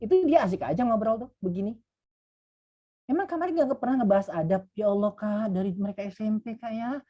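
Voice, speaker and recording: A man's voice: high voice, fairly quick, highs cut off. A man in his thirties, a youth mentor, giving a casual, chatty online talk full of fillers and asides. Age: 30s.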